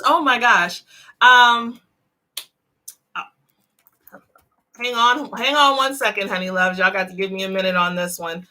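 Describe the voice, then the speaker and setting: A bright, sharp-toned woman with a lilt talks through a live tarot reading in a loose, chatty way. She giggles often and keeps calling her viewers "honey loves." Her voice sits a little high. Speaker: tarot reader.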